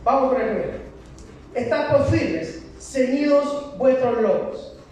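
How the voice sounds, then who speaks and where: In a church hall, a pastor delivers a passionate sermon at a measured pace, asking his congregation rhetorical questions. His voice is very high with a darkish tone, and the audio comes from a distance, with echo and noise.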